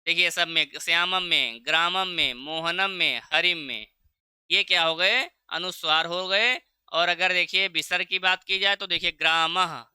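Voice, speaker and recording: Bright, high-voiced male teacher. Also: smooth, no room sound, clean studio sound. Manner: explains step by step, asks the class questions and answers them himself; drags out key sounds slowly when showing pronunciation. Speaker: Sanskrit teacher. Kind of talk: exam-prep video lesson.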